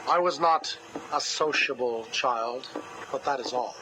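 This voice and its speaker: An actor playing a cold, grieving, obsessive male scientist who talks slowly and mournfully, heard as a cassette tape recording. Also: medium pitch. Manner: slow, controlled, mournful delivery. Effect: played back from a cassette tape recording. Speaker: interview subject. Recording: hissy cassette tape playback.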